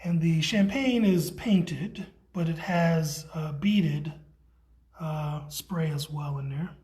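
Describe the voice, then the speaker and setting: Man, high pitch, relaxed rambling tour guide, exhibit walkthrough. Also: slow. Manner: relaxed, rambling, many fillers. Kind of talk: casual guided gallery tour. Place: indoor art exhibit.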